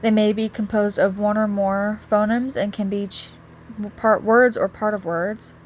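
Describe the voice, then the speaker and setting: A woman's voice: medium pitch, steady tone, a little slow, slight background noise. Casual young woman presenting for class. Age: young adult. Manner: casual, with many likes and restarts. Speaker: student presenter.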